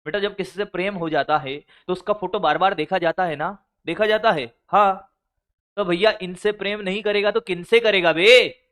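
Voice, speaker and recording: A man's voice: high voice, moderate pace, fairly bright tone. A physics teacher giving scolding, motivational study advice, full of rhetorical questions to his students.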